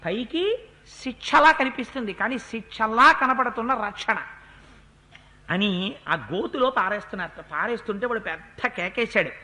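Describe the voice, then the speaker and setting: A man's voice: high-pitched, animated, moderate pace, pushed and bright. A man giving a religious discourse, retelling an epic story vividly with dramatic repetition.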